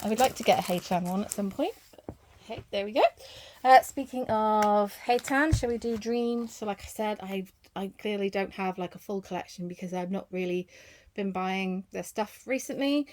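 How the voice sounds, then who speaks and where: A woman talks casually to camera at an ordinary middle pitch. She rambles along with frequent ums and restarts. A faint noise sits under her voice. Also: normal speed, darkish tone. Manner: chatty and rambling, many ums and self-corrections. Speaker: vlogger showing her album collection.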